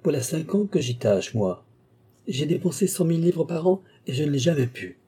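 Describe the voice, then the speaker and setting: An impatient countess who is the king's favourite, voiced by a man reading the audiobook. She pleads and exclaims in a dark, husky voice. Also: fairly low pitch, lively intonation, brisk. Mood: eager. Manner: eager, exclamatory.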